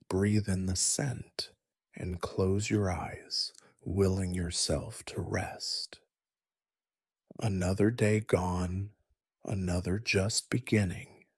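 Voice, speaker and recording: A man in a soft, breathy whisper, narrating a calm sleep story in slow, measured phrases. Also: sits low, dry recording, clean studio sound.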